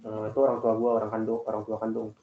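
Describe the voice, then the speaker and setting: A young man chatting casually with classmates, rambling and animated as he tells about his family. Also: on the low side, racing. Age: young adult. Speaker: student in group discussion. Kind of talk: casual chat. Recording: echoey, phone-like call audio.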